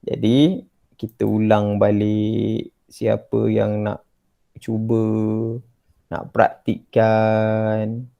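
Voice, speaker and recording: A man with a Malaysian Malay accent teaching Quran recitation in an online class, patiently correcting students line by line and modeling slow recitation. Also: fairly low pitch, completely flat delivery, vocal fry, mellow, muffled recording.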